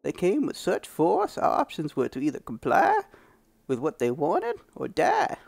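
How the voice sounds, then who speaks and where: A man voicing a grizzled old male prospector who leads a frontier town, with a slow, drawling storyteller manner. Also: on the high side, huge pitch swings, vocal fry, no room sound, voice pushed up, heavily acted. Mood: grim.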